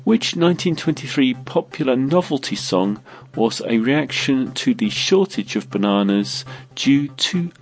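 A man with a croaky voice from a cold, hosting a quiz podcast and reading out scripted questions. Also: medium pitch, expressive, unhurried, hardly any pauses. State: has a cold.

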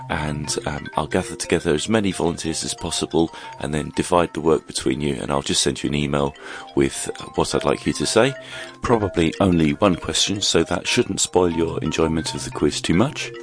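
Low, croaky-voiced man hosting a quiz podcast. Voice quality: croaky, froggy voice. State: croaky from a bug. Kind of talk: scripted podcast narration.

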